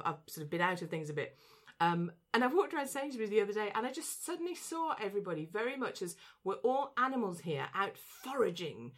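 A woman hosting a casual chat, telling animated stories and acting out her dogs' reactions. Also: medium pitch. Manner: animated storyteller, acts out her dogs, frequent restarts.

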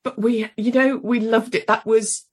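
A woman's voice: fairly high pitch, fairly even intonation, moderate pace, husky. A British woman hosting a podcast interview, chatting casually with frequent restarts and laughs. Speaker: podcast host.

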